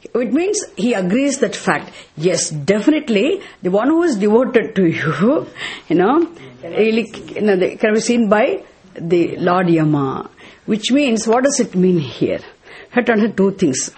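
A woman's voice: mid-range voice, big pitch swings, measured pace, darkish tone. A woman with a Tamil accent teaching scripture verse by verse, repeating key phrases emphatically and checking with tag questions. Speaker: teacher of Sanskrit and Vedanta scripture. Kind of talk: teaching class, verse-by-verse explanation.

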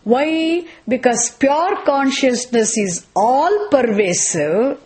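High-voiced woman teacher with Tamil accent, unhurried. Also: animated, a little mellow. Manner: didactic, repeatedly checking understanding with short questions. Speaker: spiritual teacher. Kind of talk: Vedanta lecture, explanatory teaching.

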